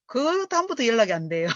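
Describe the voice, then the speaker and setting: A middle-aged woman reads from a business book and coaches on it. She is a lively storyteller who acts out the lines she quotes. Her voice comes through a dull, dry, lo-fi recording. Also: fairly high pitch, moderate pace, no room sound. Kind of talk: reading aloud and lecturing on a book.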